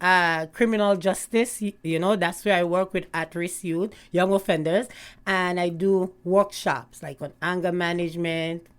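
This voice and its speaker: A woman's voice: on the low side, steady tone, normal speed, clean tone. A middle-aged woman from Canada, a guest in a casual chat who tells stories in a chatty way and laughs often. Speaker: guest, YouTube gossip host.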